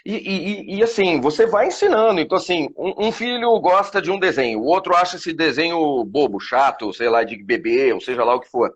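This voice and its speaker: A man's voice: fairly high pitch, fairly quick, few pauses, husky, highs cut off. A middle-aged father in a casual live chat, reflecting on raising kids with many fillers and restarts. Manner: reflective, talks about parenting with many fillers. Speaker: guest.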